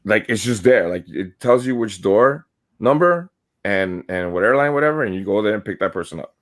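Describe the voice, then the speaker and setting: In a casual podcast chat, a New York co-host with a lowish voice talks at normal speed. He's a rambling, animated storyteller who swears freely throughout.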